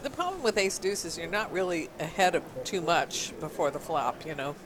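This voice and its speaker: A man calls live poker from a commentary booth, his voice pitched a little high. He reasons through each hand analytically, filling pauses with "you know". A crowd murmurs in the background. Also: big pitch swings.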